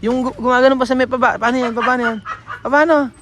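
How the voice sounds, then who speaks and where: A man's voice: very high-pitched, steady tone, background noise. Playful Filipino man coaxing outdoors. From Philippines. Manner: playful, coaxing, many halting restarts. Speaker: vlogger. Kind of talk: casual vlog chat.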